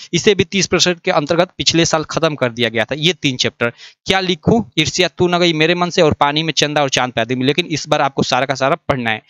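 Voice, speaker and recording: Young guy up teaching, higher voice, dry close mic, keeps saying look here. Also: fairly bright tone, no echo. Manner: explains patiently, repeats "yahan pe dekho". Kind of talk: screen-share lesson.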